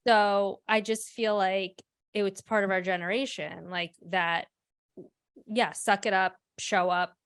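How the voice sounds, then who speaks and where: A woman of forty-three co-hosting a podcast, talking in a relaxed, conversational way. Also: medium pitch, a little slow, smooth. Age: 40s. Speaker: podcast co-host. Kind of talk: casual interview chat.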